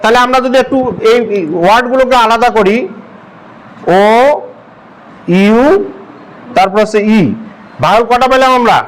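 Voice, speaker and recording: A man's voice: very high voice, normal speed, long pauses, fairly bright tone, poor audio. A male English teacher from Bangladesh giving a classroom grammar lesson, asking the class the same question again and again. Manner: drills the class with repeated questions.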